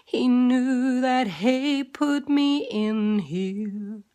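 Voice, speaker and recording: Guest singer from the UK, woman, high voice, very slow delivery. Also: dark tone. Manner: slow, drawn-out singing. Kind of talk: sung performance.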